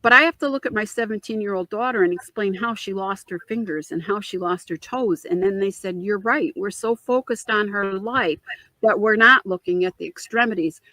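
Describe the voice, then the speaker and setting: A woman's voice: mid-range voice, normal speed, sharp tone, dry recording, poor audio. A woman, a mother, recounting a family ordeal in an interview with earnest feeling, acting out the dialogue she quotes. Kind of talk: emotional personal storytelling.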